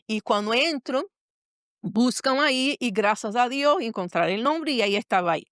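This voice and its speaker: A woman's voice: fairly high pitch, lively intonation, normal speed, a bit bright, dry recording, studio quality. Earnest middle-aged woman telling a story. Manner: earnest, repeats phrases, acts out her own words. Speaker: guest, pastor and mother. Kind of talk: personal storytelling in a podcast conversation.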